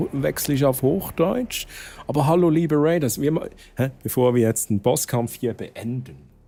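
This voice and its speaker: A young Swiss streamer with a Swiss German accent and a mid-range, darkish voice chats casually with his chat while gaming. He often drops English exclamations.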